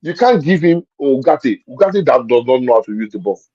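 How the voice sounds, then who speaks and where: A man's voice: mid-range voice, expressive, a little fast, mellow, slightly rough, dry recording, lo-fi sound. A man talking football in a casual match-review chat. He makes his points with force, repeats them, and explains with examples. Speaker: football pundit.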